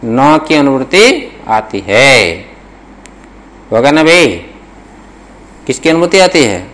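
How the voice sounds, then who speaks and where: A man leads a Sanskrit grammar lesson at an unhurried pace, his voice sitting at an ordinary middle pitch. He dictates points and asks his students the same questions again and again. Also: sing-song, fairly bright tone.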